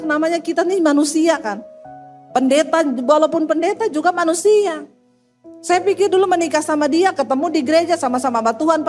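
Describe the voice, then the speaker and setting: A middle-aged woman pastor with a Sulawesi accent gives a humorous sermon in a high, bright voice. She acts out quick back-and-forth dialogue with lively shifts of voice. Faint music plays under her. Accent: Sulawesi Indonesian. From Sulawesi, Indonesia.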